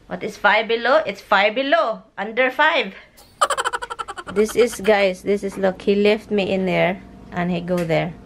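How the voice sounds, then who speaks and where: A woman's voice: medium pitch, lively intonation, a little slow, background noise. A woman from the Philippines with a Filipino accent, chatting casually and laughing often while vlogging from a car on her phone. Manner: chatty, giggly, exclamatory. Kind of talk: casual chat mixing Tagalog and English.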